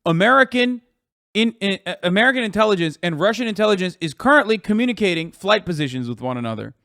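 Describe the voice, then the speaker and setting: A man on a livestream holds forth in a fairly high voice, heated and profane, firing off rhetorical questions. The sound is dry and close, with no room around it. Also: lively intonation, fast, pushed and bright, dry recording. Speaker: streamer reacting to a video. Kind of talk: casual livestream commentary.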